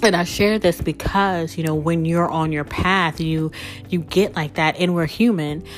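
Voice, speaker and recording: A woman's voice: on the low side, fairly even intonation, a little slow, faint music behind. A woman podcast host and spiritual coach, talking casually and candidly through personal stories, with lots of "like" and "you know".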